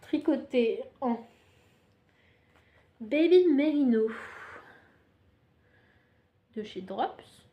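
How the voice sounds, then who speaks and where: Her voice sits a little high with a somewhat dark tone. As a knitting podcaster, this young woman casually walks viewers through her projects on camera, chatty and self-deprecating, with plenty of hesitation and filler words.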